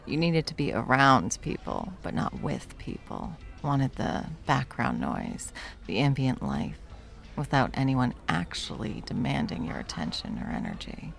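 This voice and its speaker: An actress voices a confident, flirtatious, protective and hot female bartender in an ASMR roleplay, an intimate one-sided conversation. Her voice is very deep and creaky with an intimate delivery, huge pitch swings and a full character voice. The mood is flirtatious, and she teases unhurriedly with soft chuckles, dropping toward whispers.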